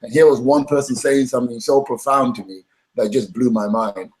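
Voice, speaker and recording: A man's voice: mid-range voice, brisk, low-quality recording. A middle-aged man speaks as an interview guest in a middle-range voice. He tells his story with energy and animation, and often acts out what other people said to him. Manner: animated, acts out quoted dialogue.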